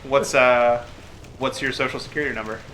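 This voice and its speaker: Tipsy, swearing man with bright voice. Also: mid-range voice, fairly even intonation, fairly quick, a little hiss or hum, rough recording. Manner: swears freely, joking and upbeat. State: tipsy from drinking. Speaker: let's play host playing the game. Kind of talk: casual gaming chat.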